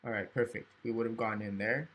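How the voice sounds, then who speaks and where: A trading educator, a man with a lowish, steady, slightly bright voice, talks fairly quickly while casually walking through charts in a screen recording. He thinks aloud, keeps checking in with "right?", and has the hiccups.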